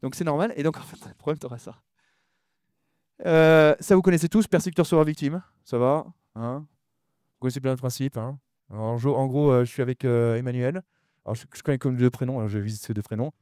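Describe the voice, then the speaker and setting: A man giving a conference talk to an audience. He talks fast, mumbles his words, and often repeats himself and restarts sentences. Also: mid-range voice, steady tone, a little mellow, clear, resonant tone, dry recording, studio quality. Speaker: conference speaker.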